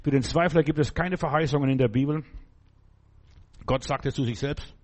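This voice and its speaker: Middle-aged male preacher, slightly high voice, emphatic exhortation with loud acted-out commands. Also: moderate pace. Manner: exhortative, addressing listener directly with frequent "Ja?"; acts out quoted commands loudly. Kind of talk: sermon.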